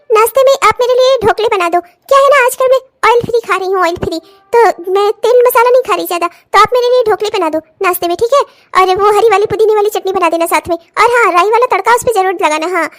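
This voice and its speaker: A woman's voice: very high-pitched, fairly bright tone. A woman voicing a spoiled, demanding young sister-in-law in a cartoon, who talks in a whiny, sulky way. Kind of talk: cartoon voice acting.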